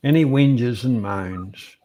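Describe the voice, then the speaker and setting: A middle-aged Australian man hosts in a loose, chatty style. He rambles through anecdotes in plain blokey slang, sounding like a casual trivia host at an average male pitch. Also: slow, very noisy.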